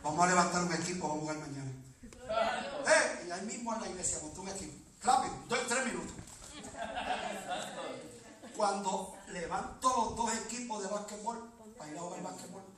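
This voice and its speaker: A high-voiced man preaching, telling a story before he rises to shouted calls for praise. He is picked up from a distance in a big, echoing church hall. A congregation murmurs and calls out behind him. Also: brisk, long pauses, crowd noise. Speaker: evangelist. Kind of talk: sermon. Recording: echoey hall, mic from a distance, congregation noise.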